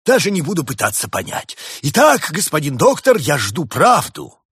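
A man's voice: mid-range voice, lively intonation, a little fast, darkish tone, husky, dry recording, studio quality, voice pushed up. A man voicing a stern, commanding male spirit of winter in a read-aloud fairy tale, declaiming indignantly.

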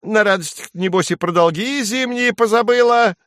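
A man voicing a cheeky, excitable male sparrow in a storybook reading, chirpy and quarrelsome. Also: high voice, moderate pace, no room sound, clean studio sound, pitched above the performer's own voice. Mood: defiant. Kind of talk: storybook character voice.

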